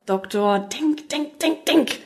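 A woman's voice: on the high side, big pitch swings, brisk. A woman reading as a jumpy sassy young companion. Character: nervous, sharp-tongued young woman companion. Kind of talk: storybook reading.

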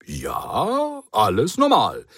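A man's voice: mid-range voice, huge pitch swings, very slow, slightly rough, no echo, studio quality, voice pushed up, exaggerated voice. A man voicing an eccentric, cheerful alien time traveller who talks in a breezy, theatrical, joking way.

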